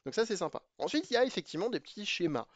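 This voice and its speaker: A man's voice: high-pitched, very animated, rapid-fire, dry recording. A man giving a casual spoken review of programming books to his viewers, chatty and opinionated, hesitating with many fillers and restarts.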